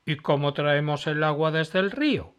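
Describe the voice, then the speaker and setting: A man's voice: a little high, moderate pace, fairly bright tone, voice pushed up, close to an everyday voice. A man voicing a small, curious hedgehog girl. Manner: questioning, practical.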